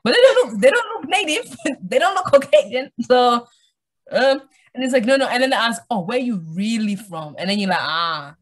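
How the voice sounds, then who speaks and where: As a guest on a podcast, a young Zimbabwe-born Australian woman chats at a normal speed in a slightly high voice. Her casual interview storytelling is animated, with bits of acted-out dialogue and plenty of colloquial slang.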